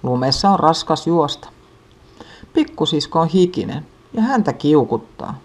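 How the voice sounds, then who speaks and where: A woman with a notably low voice reads a children's story. Her delivery is calm and even, paced for young listeners.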